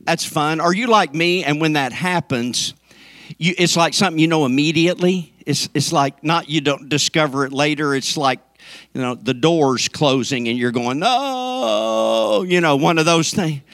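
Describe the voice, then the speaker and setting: A man's voice: on the high side, normal speed, a bit bright, dry recording, clean studio sound. A man preaching a sermon to his congregation, folksy and joking, swinging up into emphatic peaks. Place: church sanctuary.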